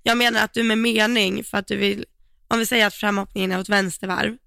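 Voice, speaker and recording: Female podcast co-host, bright with vocal fry, outspoken and emphatic. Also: mid-range voice, flat delivery, no echo, clean studio sound. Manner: frank and emphatic, speaks her mind. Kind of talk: casual chat about competition riding.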